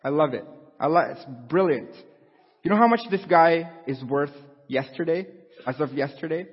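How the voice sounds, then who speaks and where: A man's voice: on the high side, lively intonation, normal speed, slightly rough. A man, preaching a conversational sermon and asking his congregation questions. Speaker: pastor. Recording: dull lo-fi sound with long hall reverb.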